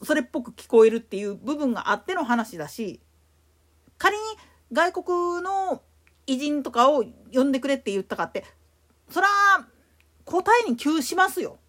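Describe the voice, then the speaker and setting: A woman with a Kansai accent giving a solo explanatory talk as a podcast host, emphatic in her delivery. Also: normal speed. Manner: explanatory, emphatic, lively pitch swings.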